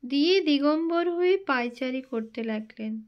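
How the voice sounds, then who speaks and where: Slow, measured woman reader. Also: high voice, muffled recording. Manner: slow, measured, even narration. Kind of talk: reading a devotional memoir aloud.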